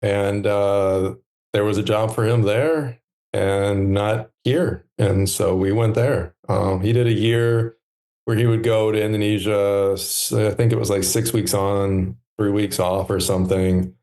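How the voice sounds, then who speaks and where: A man in his thirties, a podcast guest talking in a relaxed, reflective way with many pauses and fillers. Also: on the low side. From United States. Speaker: podcast guest, stand maker. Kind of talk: relaxed conversational interview.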